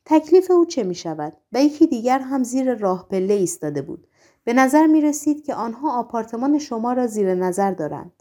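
A woman's voice: fairly high pitch, big pitch swings, mellow. A woman voicing a curious, bold young woman in a storybook reading, asking eager questions. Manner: inquisitive, wide-eyed.

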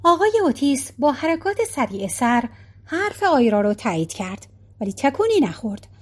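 A woman reading a novel aloud as audiobook narrator, in a calm, even storytelling manner. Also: sits high.

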